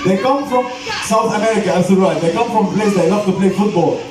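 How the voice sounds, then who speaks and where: High-voiced male animal show trainer, very echoey. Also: fast talker. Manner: showman addressing audience with questions and commands. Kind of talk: live bird show presenting to an audience. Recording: very echoey venue, distant, music behind.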